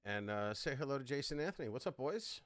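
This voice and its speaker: A man co-hosting a live stream, greeting viewers by name and giving shout-outs in an upbeat, casual way. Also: medium pitch, lively intonation, quick pace, dry recording, studio quality. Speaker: stream co-host.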